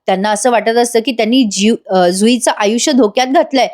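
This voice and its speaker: A woman's voice: on the high side, fairly quick, a little mellow. A woman narrating a voice-over recap of a TV serial episode, chatting directly to her viewers. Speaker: TV serial reviewer.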